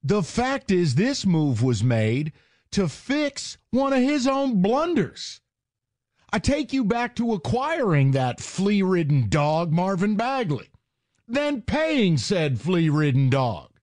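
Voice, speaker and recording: A man's voice: sits high, sing-song, takes it slowly, a little mellow. A male sports talk host ranting sarcastically with mocking jabs and heated emphasis.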